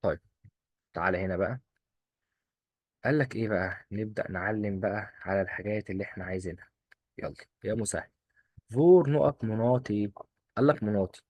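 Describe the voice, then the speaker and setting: Quick husky Egyptian teacher, drilling. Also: male voice, fairly low pitch, no echo, muffled recording. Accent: Egyptian Arabic. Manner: quizzing, asks and answers his own questions; coaxing, repeats rules in quick drills. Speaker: German teacher. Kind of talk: exam-prep lesson.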